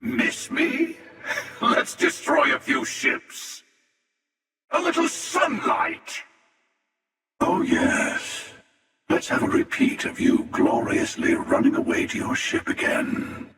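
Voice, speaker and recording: A menacing armored hunter for a video game. The voice is a slow, gravelly rasp through a helmet filter, drenched in distant reverb. He taunts with dry, sardonic wit. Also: very high voice, huge pitch swings, pushed and bright, exaggerated voice. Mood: taunting. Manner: taunting, wry, unhurried. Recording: echoing, distant, long reverberant processing.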